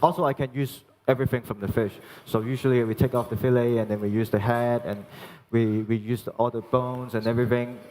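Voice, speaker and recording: A young man from Hong Kong, working as a chef, giving a live cooking demonstration and explaining each step in a halting way with many restarts. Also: mid-range voice, steady tone, warm tone, slight background noise. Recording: long reverb in a large hall.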